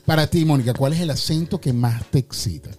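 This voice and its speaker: A man's voice: fairly high pitch, fairly quick, mellow. A man co-hosting a podcast, trading crude jokes with plenty of teasing and laughter. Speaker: podcast co-host. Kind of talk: playful casual banter.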